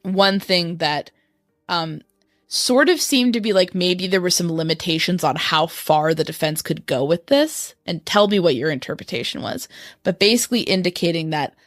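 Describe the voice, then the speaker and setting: A woman's voice: on the low side, dry recording, studio quality. A woman co-hosting a podcast, talking through a criminal trial in an informal, explanatory, conversational way. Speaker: podcast host. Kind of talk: conversational true-crime trial commentary.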